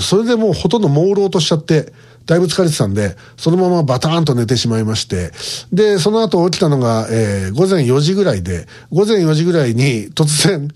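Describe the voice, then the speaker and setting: A middle-aged man hosting his own online show, telling a long casual story full of fillers and restarts. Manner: rambling, lots of fillers and restarts; animated, pitch swinging up and down. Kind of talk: casual monologue recounting a trip.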